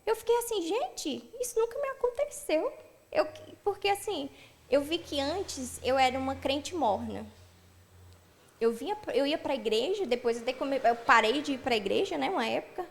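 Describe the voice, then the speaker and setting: A young woman giving a personal testimony at church, telling her story with lively acted-out dialogue. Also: high-pitched, moderate pace, creaky.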